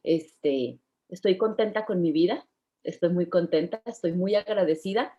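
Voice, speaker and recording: A woman's voice: fairly low pitch, moderate pace, dark tone. Mexican woman in her 50s, interview guest, cheerful and a little nervous, slightly muffled call audio. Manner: cheerful, laughs often, admits nerves. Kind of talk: casual interview chat.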